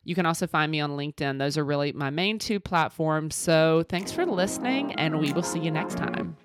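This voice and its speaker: A woman's voice: low-pitched, expressive, moderate pace, over music. A woman with an accent from the American South hosting a podcast, giving informal, direct advice straight to the listener. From Mississippi, southern United States. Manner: informal and direct, coaching the listener with rhetorical check-ins. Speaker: podcast host.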